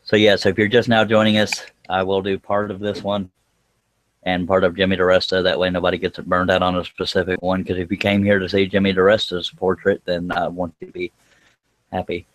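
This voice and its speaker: Folksy, lower-voiced man on livestream. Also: level tone, fairly quick, rough recording. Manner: folksy, joking. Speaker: livestream host, scroll saw craftsman. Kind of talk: casual live chat while working. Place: workshop.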